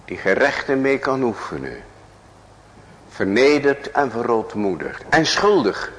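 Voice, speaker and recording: A male pastor preaching a sermon in a church, swinging from loud cries to hushed whispers and asking many rhetorical questions. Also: medium pitch, sing-song, measured pace, in a large hall.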